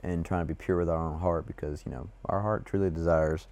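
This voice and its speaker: A man with a very deep, mellow voice co-hosts a casual faith chat. He rambles loosely, leaning on fillers as he thinks aloud. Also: steady tone, a little fast. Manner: rambling, full of "you know" fillers. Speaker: co-host.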